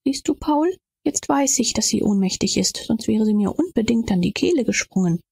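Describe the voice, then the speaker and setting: A woman reading an audiobook, voicing a curt, impatient young man who talks in a brisk, clipped way. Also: fairly high pitch, expressive, creaky, darkish tone, husky, no room sound, studio quality, full character voice.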